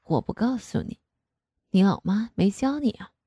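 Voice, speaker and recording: A woman voicing a middle-aged father in an audio story, soft-spoken and teasing, with a husky, lowered voice. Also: lively intonation, normal speed, no room sound, studio quality.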